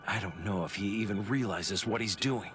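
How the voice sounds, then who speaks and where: A man's voice: lowish voice, fairly quick, fairly bright tone, soft background music, natural voice. An actor playing a brash, violent young male warrior spirit in a game cutscene, cocky and bossy.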